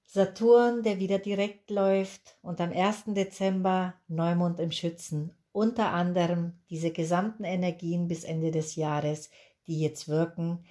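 Warm-voiced Peruvian-born woman reading tarot. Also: on the low side. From Peru. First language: Spanish. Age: 50s. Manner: chatty, reassuring, repeats words for emphasis. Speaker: tarot reader. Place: indoors at a candlelit table.

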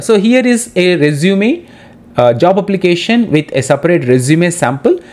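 A man walks students through an exam-prep lesson, explaining each step and repeating the key points. His pitch sits a little high and swings widely as he stresses words. He speaks directly to his listeners while moving through slides. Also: a little mellow. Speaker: English teacher.

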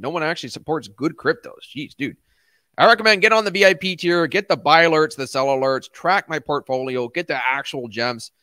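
Speaking into a close studio mic with no audible room, this middle-aged crypto YouTuber runs a casual livestream rant, responding to chat as he reads it. His voice sits on the high side with a fairly bright tone, blunt and emphatic, peppered with slangy asides.

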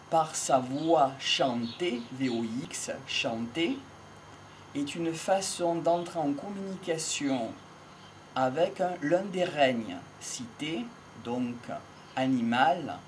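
An older man speaking slowly and reflectively to camera with a handheld mic, seated outdoors in a country field, with faint birdsong behind. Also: a little high, animated, slight background noise. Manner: measured, pausing often, philosophical. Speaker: speaker on voice and communication. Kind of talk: slow reflective monologue to camera. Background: faint outdoor ambience with birds.

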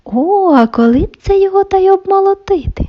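A woman voicing two lazy, playful little mice in a bedtime story, with squeaky voices. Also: lively intonation, a little fast, dull audio. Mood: carefree.

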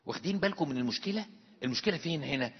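A man's voice: fairly high pitch, lively intonation, racing, slightly rough, in a large hall, highs cut off. A male priest with an Egyptian accent, preaching an emphatic sermon full of rhetorical questions. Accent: Egyptian Arabic. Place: church.

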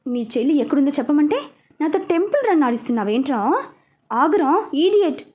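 A woman voicing a blunt, quick-tempered young man in a storybook reading. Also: sits high, expressive, warm tone. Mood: irritated. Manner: irritated, scolding.

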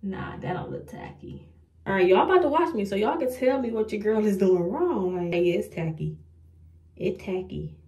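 A young woman chats casually to her viewers in a get-ready-with-me beauty vlog. Her voice sits at an ordinary middle pitch. She sounds frustrated and self-mocking, and she keeps calling the viewers "y'all.". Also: animated, moderate pace, darkish tone, muffled recording. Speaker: beauty vlogger.

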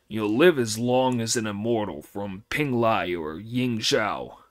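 A man voicing a young demon king who fawns on his father, lower and slower than his narration. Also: fairly bright tone, no room sound. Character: young male demon king, fawning son.

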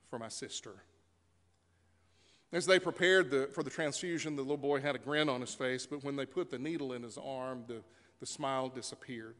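A male pastor with a high, bright, forceful voice delivers a sermon, easing into stories with a relaxed, conversational flow and the odd "uh." His words ring out with the long reverb of a church sanctuary. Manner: conversational storytelling with fillers.

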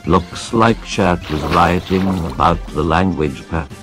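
A male text-to-speech robot voice reading viewer messages in a flat, evenly paced computer delivery. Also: deep voice, a little slow, faint music behind. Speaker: donation message reader. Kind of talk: synthetic read-out of viewer messages.

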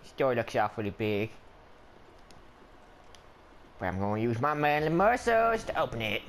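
A man's voice: medium pitch, big pitch swings, moderate pace, a bit bright, slight background noise. A man voicing a skittish, whiny little male adventurer in let's play commentary, rambling and stammering, yelping whenever something attacks. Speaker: gameplay commentator.

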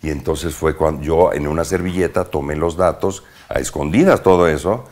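Mexican guy with a super low voice, actor guest in an interview, tells stories all animated with slang and little pum sound words. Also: normal speed. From Mexico, Veracruz. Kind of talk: casual interview storytelling.

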